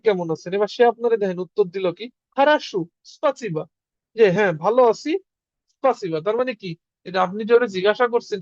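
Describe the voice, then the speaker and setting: Man, high voice, patient teacher on a dull lo-fi line, dry sound. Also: darkish tone, dry recording. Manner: explains step by step, repeats words slowly. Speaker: language teacher. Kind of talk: online class lesson.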